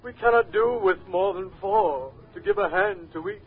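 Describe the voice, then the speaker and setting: A man voicing a pompous, sentimental walrus in a storybook recording, speaking slowly and drawn out. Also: high-pitched, slightly rough. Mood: solemn. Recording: tinny lo-fi old record.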